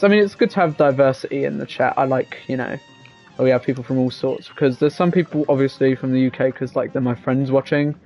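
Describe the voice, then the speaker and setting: A man, live-streaming a game and chatting casually, rambling as he reads out chat messages. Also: medium pitch. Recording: slightly dull lo-fi mic with faint game music.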